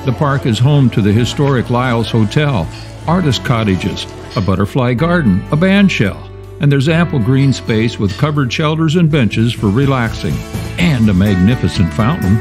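Male narrator, steady scripted voice-over, music underneath. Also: medium pitch, normal speed.

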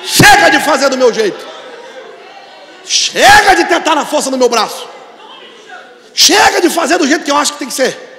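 A man pastor with a Brazilian Portuguese accent preaching a sermon in a large church, calling on the congregation to repeat after him and rising to shouted declarations. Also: very high voice, big pitch swings, normal speed, gravelly, pauses often, long reverb tail, crowd noise. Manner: preaching with call-and-response, building to shouted declarations.

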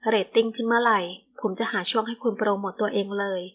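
A woman's voice: fairly high pitch, level tone, fast talker, close to an everyday voice. A woman voicing a dry, mocking young male boss. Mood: teasing. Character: sharp-tongued young male boss, teasing.

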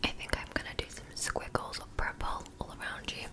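Whispering young woman, tingly ASMR mouth sounds, whispered role-play. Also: a little fast. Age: 20s. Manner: softly coaxing, talking directly to the listener. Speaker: ASMR creator. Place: small indoor room.

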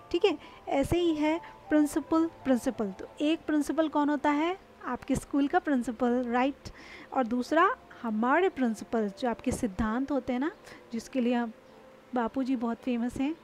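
A woman teaching English homophones in Hindi, who reads the example sentences slowly and asks her students to repeat after her. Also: sits high, darkish tone, slight background noise.

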